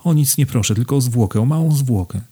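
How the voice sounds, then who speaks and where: A man's voice: mid-range voice, animated, fast, dark tone, breathy edge, voice pushed up. A man reading aloud and voicing a passionate young woman who begs her friend with rising emotion. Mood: pleading. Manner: imploring, emotional.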